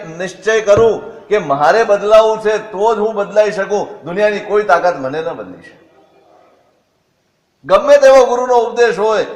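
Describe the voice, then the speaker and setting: Guy telling a sermon story, high voice, lots of hall reverb. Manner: expressive, asks and answers his own questions. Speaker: religious storyteller. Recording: echoey hall.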